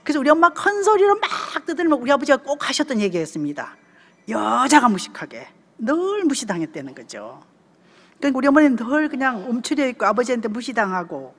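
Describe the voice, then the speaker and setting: Older Gyeongsang woman speaking in a hall. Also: a little high. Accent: Gyeongsang Korean. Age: 70s. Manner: storytelling, often checks in with the audience. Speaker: church deaconess giving a family seminar talk. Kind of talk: conversational sermon talk.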